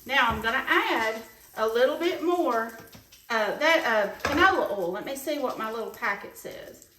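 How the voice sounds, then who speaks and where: A woman's voice: a little high, lively intonation, moderate pace. A woman hosting a casual cooking demonstration, chatting homily as she works at the stove. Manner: chatty, homey, talks while cooking. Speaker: cooking show host. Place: home kitchen. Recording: roomy kitchen, mic at a distance, sizzle noise. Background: frying and sizzling pan.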